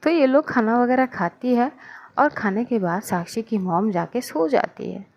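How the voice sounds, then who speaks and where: A woman's voice: a little high, normal speed, highs cut off. A woman narrating a serialized love story in a casual, conversational way. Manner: conversational, warm sign-off wishes.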